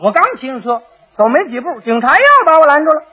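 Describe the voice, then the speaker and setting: A man performing traditional crosstalk comedy, telling a funny story with lively, animated delivery. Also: very high-pitched, fast talker. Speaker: lead comic performer. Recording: dull old archive recording.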